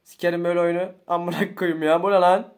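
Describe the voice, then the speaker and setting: A young man chats over his gameplay in a fairly high voice. He mutters low while he concentrates, then bursts out loud when things go wrong. His talk is slangy and full of swearing. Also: fast. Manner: excitable, swings between muttering and shouting. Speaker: gaming YouTuber. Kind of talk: casual gameplay commentary.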